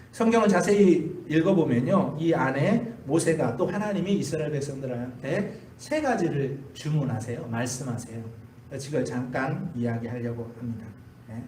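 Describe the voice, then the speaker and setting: A man's voice: on the high side, a little mellow, recorded from a distance, a little hiss or hum. Preaching man in an echoey church. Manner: asks the congregation questions, repeats key phrases for emphasis. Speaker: pastor. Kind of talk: sermon. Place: church sanctuary.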